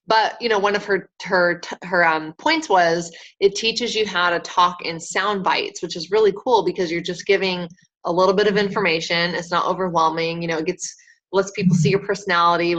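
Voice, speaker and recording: A woman hosting a casual team call, chatty and laughing often, acting out quotes in a higher voice. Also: fairly bright tone. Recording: dull lo-fi call audio.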